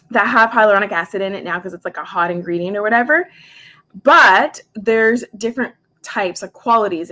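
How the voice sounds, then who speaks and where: A makeup artist and skincare specialist in her forties chats casually about products on a live stream from home. Her mid-range voice has a sharp tone, and she's chatty, fills her talk with "like", and makes quick asides.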